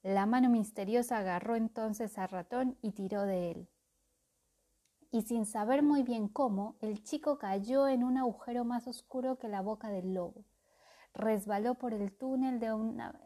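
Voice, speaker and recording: A woman reading a children's story aloud, expressive with soft narration. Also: fairly high pitch.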